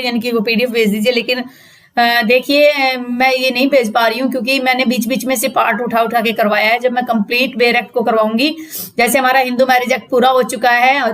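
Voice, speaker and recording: Woman law tutor, high-pitched, patient step-by-step explainer who quizzes her class. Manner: explains step by step, repeats questions and answers to students. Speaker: law teacher. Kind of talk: spoken lecture reading out legal text.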